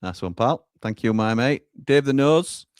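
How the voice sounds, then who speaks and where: A man's voice: medium pitch, expressive, moderate pace, clear, resonant tone, dry recording, clean studio sound. A man hosting a live football watchalong, reading out viewer comments and handing over to the lads at the grounds. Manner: reads out viewer comments and hands over to reporters. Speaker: watchalong host.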